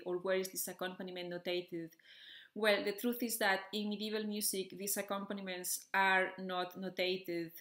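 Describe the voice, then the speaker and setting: A woman at an ordinary mid-range pitch walks the listener through a topic step by step. She has the careful, checking-in manner of a music educator. Her voice carries a noticeable room echo. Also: fairly bright tone. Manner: clear, methodical, with frequent "okay" and "so" check-ins. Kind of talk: explanatory video lesson.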